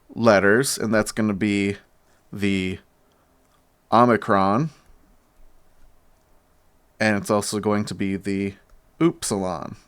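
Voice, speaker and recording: A man teaching a bible lesson at a whiteboard, explaining slowly and pausing while he writes. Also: lowish voice, clean tone. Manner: slow, explanatory, pauses while writing. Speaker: church teacher.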